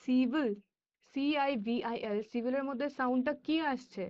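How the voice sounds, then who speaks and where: A woman English teacher with a Bengali accent and Bengali as her first language, teaching children, reading words slowly and deliberately with quicker asides. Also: sits high, steady tone, a little mellow, lo-fi sound. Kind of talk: classroom lesson for children.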